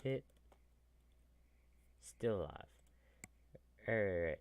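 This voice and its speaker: A man running a tabletop game as game master, giving even, matter-of-fact rulings. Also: fairly low pitch, drawn-out words, clear, resonant tone, no echo.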